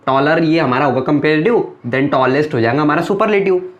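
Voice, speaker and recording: A young man with a fairly high voice teaching a grammar lesson at a board. He keeps asking questions and then answers them himself, in a patient and explaining tone. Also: a little fast, highs cut off.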